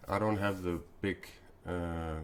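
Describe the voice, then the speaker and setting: Danish man, low deep voice, spiritual live-stream talk, halting with fillers, faint noise behind. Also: fairly even intonation. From Denmark. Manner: halting, many fillers and restarts.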